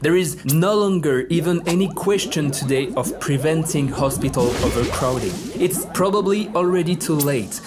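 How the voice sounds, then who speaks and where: A speaker with a French accent, a native French speaker, gives a measured, grave scripted monologue recorded on a phone in an apartment, with low sound quality. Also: animated, over music.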